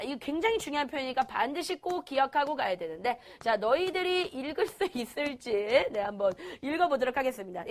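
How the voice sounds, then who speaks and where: Teacher, woman, young adult: high, bouncy voice, playful, quizzes students, answers herself. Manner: lively, playful, asks and answers own questions. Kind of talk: online lecture to students.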